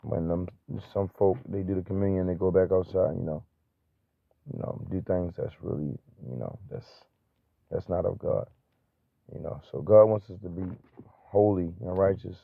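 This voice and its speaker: Deep gravelly man preaching over a tinny line. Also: no echo. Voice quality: stutters. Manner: halting, many fillers and restarts. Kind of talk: informal freestyle preaching. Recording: tinny phone-like, dry.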